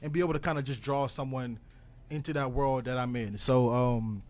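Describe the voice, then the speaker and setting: A man's voice: mid-range voice, fairly even intonation, moderate pace, darkish tone. A young man from Ghana, a guest, talking earnestly and reflectively in a casual interview, with plenty of ums and restarts. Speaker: guest music producer.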